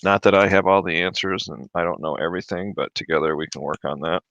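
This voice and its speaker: Chatty low-voiced man on a livestream. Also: steady tone, fast, fairly bright tone, lo-fi sound, a little hiss or hum. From Michigan, USA. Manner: chatty, reads viewer comments aloud, chews while talking. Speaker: livestream host answering reseller questions. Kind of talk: casual livestream chat. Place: his home. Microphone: desk microphone. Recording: dry close mic, drops off when mic moved away.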